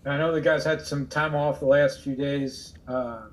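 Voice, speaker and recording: A man's voice: on the high side, little pitch movement, normal speed, slight background noise, low-quality recording. A man asking a friendly, chatty question in an interview.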